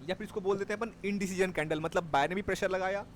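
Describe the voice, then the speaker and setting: A man's voice: high voice, steady tone, very fast, slight background noise. A man teaching a live class on trading, explaining step by step and checking that his students follow. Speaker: stock market trading teacher.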